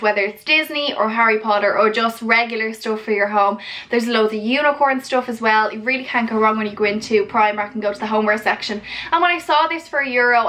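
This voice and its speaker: Chirpy high-voiced haul vlogger woman. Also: sharp tone. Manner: chirpy, gushing, girly enthusiasm. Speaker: vlogger presenting a shopping haul. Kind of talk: chirpy haul video chat to viewers.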